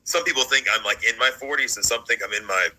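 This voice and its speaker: Fast and pushed, his mid-range voice has a bright edge, though the recording quality is poor. He's an American vlog host in his late thirties from the United States, partly South Carolina and Virginia, doing a casual reaction chat that wanders, jokes around, and leans on slang.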